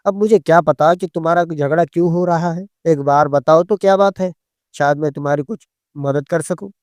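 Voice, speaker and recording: A man voicing an elderly father-in-law who speaks in a gentle, pleading way in a story reading. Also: a little high, moderate pace, no echo, lightly acted.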